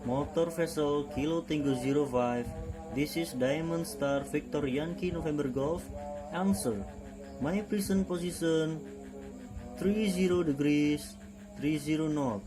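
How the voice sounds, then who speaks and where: Man acting as ship's officer on marine radio: formal, clipped procedure calls, slightly high voice, music underneath. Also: unhurried, lightly acted, poor audio. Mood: formal, procedural. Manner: formal, clipped radio phrases with spelled call signs.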